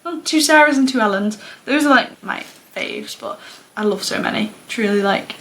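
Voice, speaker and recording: A woman's voice: fairly high pitch, moderate pace, fairly bright tone, slight background noise. A young woman from Manchester with a Mancunian accent, chatting casually to camera, self-deprecating and trailing off with fillers. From England. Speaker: booktuber.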